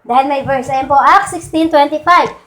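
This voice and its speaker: A woman preaching a sermon in a conversational way, often checking in with her listeners through quick rhetorical questions. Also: high voice, a bit bright. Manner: conversational, repeats and restarts points. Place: church meeting room. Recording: echoey room.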